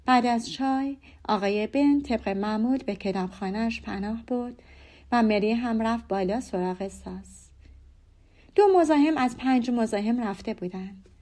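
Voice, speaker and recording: A woman narrating a classic novel as an audiobook in a calm, measured storytelling manner. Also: a little high. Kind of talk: scripted narration.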